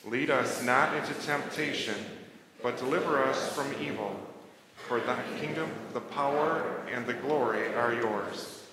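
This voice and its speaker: A man leading liturgical prayer and the communion words in a measured, solemn way, his voice carried by a cathedral-like church echo. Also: mid-range voice, a loud crowd. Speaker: worship leader. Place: church sanctuary. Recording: long church reverb, faint ambience.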